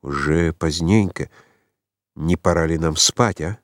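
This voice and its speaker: A man reading the lines of a timid, tame young lover in an audiobook, quietly and hesitantly. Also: low-pitched, measured pace, no echo, studio quality.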